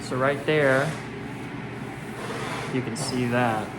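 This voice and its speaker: Loud ventilation noise fills this handheld indoor recording. A man speaks at an average pitch, muffled by a protective mask. He addresses viewers informally as he gives a casual tour of the job. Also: fairly even intonation, slow pace. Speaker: vlogger showing a mold remediation job. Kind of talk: casual walkthrough vlog narration. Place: indoors at a house under mold cleanup. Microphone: handheld camera, later on selfie stick. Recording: very noisy handheld recording, loud machinery hum. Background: loud air scrubber and ventilation noise.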